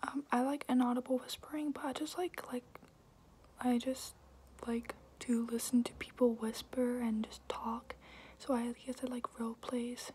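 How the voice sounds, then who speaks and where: A young adult woman whispering softly and close up in a hesitant, rambling, casual ASMR question-and-answer style. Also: fairly high pitch, level tone, normal speed, slight background noise. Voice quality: breathy, unvoiced whisper. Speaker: ASMR video creator. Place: small room indoors, at home.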